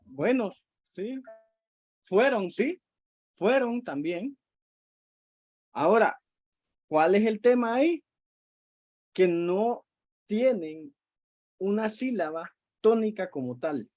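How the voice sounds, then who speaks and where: A teacher giving an online class from home, explaining patiently, with frequent "eh" fillers and quick check-ins with the students. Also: medium pitch, expressive, a little mellow, no room sound.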